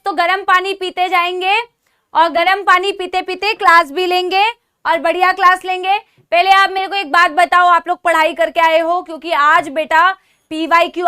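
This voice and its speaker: Her very high-pitched voice sounds pushed and bright, with flat delivery at a normal speed. She's a biology teacher running a live online class through a sore throat, mixing English into Hindi, calling students "beta" and checking "theek hai?" constantly.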